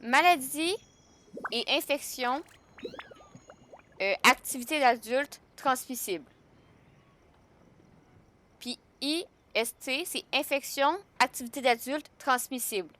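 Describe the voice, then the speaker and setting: A woman's voice: high-pitched, slow, pauses often, pushed and bright. A young woman with a Québécois French accent chatting casually on a live stream, joking and answering her chat.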